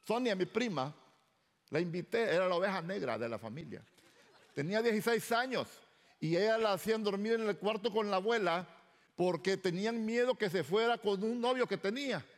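A male pastor in middle age speaks, his voice sitting slightly high. He tells his personal testimony in story form and acts out each person who speaks in it. His words ring out with a long reverb through a big hall. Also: a little fast. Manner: storytelling, animated, acts out quoted dialogue. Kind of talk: sermon testimony.

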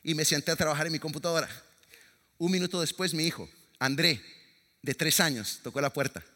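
A middle-aged man from America, preaching a sermon as a lively, dramatic storyteller who adds sound effects and jokes. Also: on the high side, fairly quick. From Latin America. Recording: long reverb of a large hall.

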